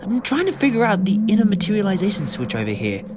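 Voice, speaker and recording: A man's voice: sits high, huge pitch swings, fast talker, heavy background noise. Man playing the Doctor, fussy eccentric time traveller. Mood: flustered, busy. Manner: flustered, theatrical. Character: fussy, eccentric, reluctant time-travelling alien inventor, male. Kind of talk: fan audio drama acting. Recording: voice over loud music and effects.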